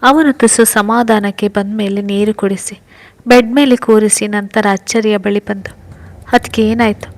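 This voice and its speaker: A woman storyteller reading a serial romance story in a measured, emotive way. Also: medium pitch, steady tone. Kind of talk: scripted narration of a serial story.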